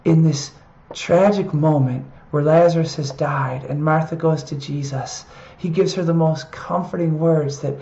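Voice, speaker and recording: An earnest preacher reflects on a Bible passage and reads the verses aloud with quiet emphasis. The voice sits in the middle range. It rings in a roomy space, and the recording sounds dull and lo-fi. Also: mid-range voice, steady tone, a little slow, few pauses. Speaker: preacher in an online video series.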